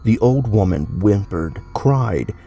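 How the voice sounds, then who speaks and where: A man narrating a horror story in a slow, brooding, scripted storytelling manner. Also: lowish voice, animated, warm tone, dull audio, faint music behind.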